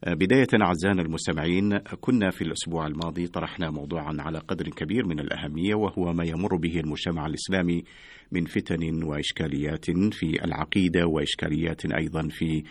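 Fast, low-voiced man in formal standard Arabic. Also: steady tone, husky, dry recording. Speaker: radio host. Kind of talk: live radio programme hosting. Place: radio studio.

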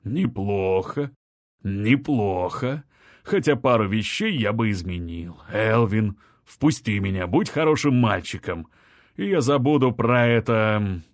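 A mocking sorcerer lord drawls every word in a low, purring voice, as a male reader puts him on. He sounds amused and condescending, never in a hurry. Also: animated, unhurried, no echo, studio quality.

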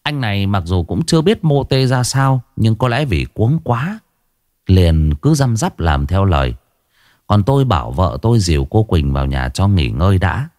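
A man narrating a ghost story in the first person with expressive, rising and falling delivery. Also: on the low side, normal speed, no echo, clean studio sound.

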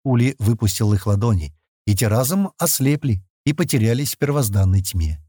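A man narrating a fantasy audiobook in an expressive storytelling manner. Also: mid-range voice, fairly quick, breathy edge, no echo, studio quality.

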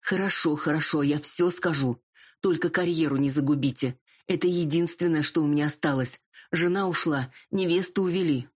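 A man's voice: on the high side, normal speed, slightly rough. A woman reading the part of a nervous aging male singer who is a fox, talking in pleading, reluctant confessions.

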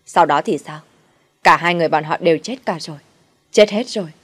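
Audio-story role: unstable ailing young man, acted by a woman, loud, low outbursts. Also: fairly even intonation, quick pace. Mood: raging. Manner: shouting, agitated. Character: sickly volatile young husband, fearful of death.

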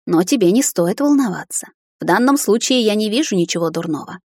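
A woman's voice: medium pitch, lively intonation, a little fast, darkish tone, husky, no room sound, clean studio sound. A woman voicing a kind, protective middle-aged mother-in-law who reads tarot cards. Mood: gentle.

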